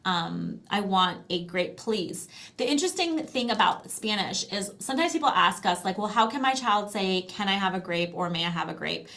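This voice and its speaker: In a casual product demo, a middle-aged American woman presents a language program as its presenter and guest. Her mid-range voice sounds a bit bright, and she keeps things chatty and encouraging.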